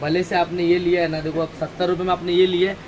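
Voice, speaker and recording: A shop owner in his thirties gives a casual walkthrough of his stock in a crowded indoor housewares shop, chatty and easygoing but slipping into preachy asides. His fairly high voice is flat and fast, with street traffic and shop noise clearly audible behind him.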